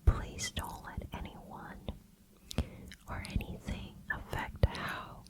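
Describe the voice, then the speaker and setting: A woman giving a gentle, reassuring pep talk in an ASMR whisper, close to the microphone. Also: slow. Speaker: ASMR host.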